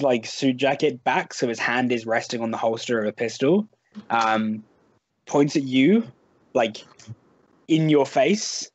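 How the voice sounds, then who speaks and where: A man narrating as game master of a tabletop game in a casual, halting way full of "like" and "um". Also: mid-range voice, no room sound, low-quality recording.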